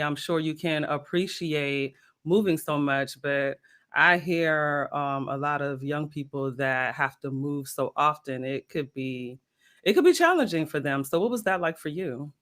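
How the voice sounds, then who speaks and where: A woman's voice: low-pitched, a little slow, fairly bright tone. A woman hosting an interview, speaking earnestly and effusively about a church gala and her guest. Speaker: interview host. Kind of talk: hosted interview.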